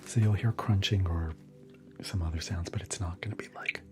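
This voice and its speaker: Male ASMR streamer, low whisper, chatty and casual, reads comments aloud, steady music bed underneath. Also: moderate pace. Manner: chatty, answers viewer comments aloud between snacks. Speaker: ASMR livestream host. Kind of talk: whispered ASMR livestream chat.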